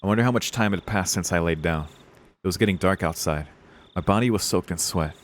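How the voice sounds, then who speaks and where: Low and brisk, this man's voice carries a let's play of a visual novel. He reads the game's text out loud and mixes in crude, casual commentary that's full of emotional investment.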